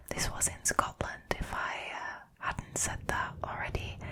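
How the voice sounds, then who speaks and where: Whispering the entire time, soft, unvoiced and unhurried, the woman leans close to the mic as she recounts paranormal encounters. She hosts a channel devoted to scary stories, and her whisper stays steady.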